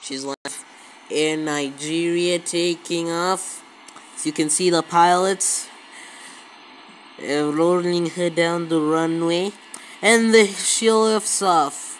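This woman's mid-range voice is fairly even in intonation, and she takes her time while giving casual gameplay commentary as a video creator, repeating words and phrases often. The low-quality amateur audio was recorded on a handheld phone pointed at a screen, with faint background noise.

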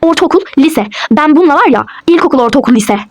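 A cold, defiant young wife, as a woman puts her on in a toy role-play. She speaks fast in a high voice, with curt, dismissive retorts. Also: expressive, heavy background noise.

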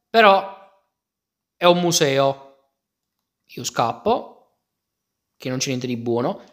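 A young man, giving excitable, casual commentary on a Minecraft game and talking straight to his viewers. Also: fairly high pitch. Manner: excitable, exclaiming, talks to viewers as "raga". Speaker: gaming youtuber.

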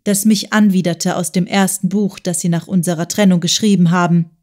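A woman's voice: lowish voice, steady tone, a little fast, darkish tone, lightly acted. A woman reading a stern, principled woman. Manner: firm, earnest, reproachful. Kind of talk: audiobook character voice.

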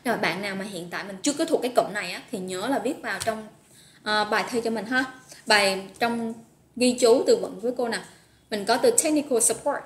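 A woman with a somewhat high voice runs a live online English vocabulary lesson at a slightly fast clip, cheerfully praising students by name and drilling their pronunciation. The room echoes and carries faint noise.

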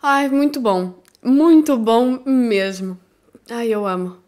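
A woman's voice: on the high side, slow, a little mellow, a little hiss or hum. A woman from Portugal with a European Portuguese accent, hosting a reaction video in candid, self-mocking casual chat. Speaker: reaction channel host.

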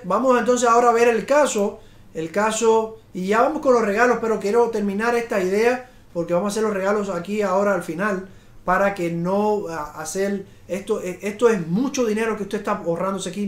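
Middle-aged male host, high voice, rambling upbeat salesman, echoey studio. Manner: rambling, restarts and fillers, upbeat sales pitch. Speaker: realtor and show host. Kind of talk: live video talk on home finance. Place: studio in front of a slide screen.

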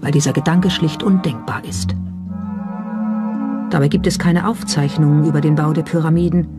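At a moderate pace and medium pitch, a narrator reads documentary lines skeptically and pointedly, with a rhetorical bent. Background music is clearly heard beneath the voice.

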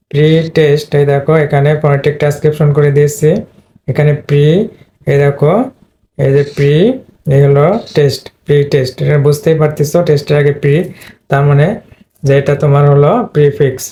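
Male pronunciation tutor, flat delivery, mellow tone, drills words repeatedly. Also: fairly high pitch. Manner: repetitive, drills words over and over. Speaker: English pronunciation teacher. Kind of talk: online lesson explaining word stress.

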